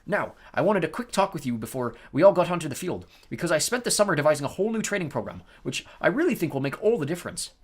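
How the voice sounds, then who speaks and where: A reader voicing a burly, fanatically keen teenage team captain who talks heartily and briskly. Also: mid-range voice, sing-song, slightly rough, pitched above the performer's own voice. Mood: hearty, brisk.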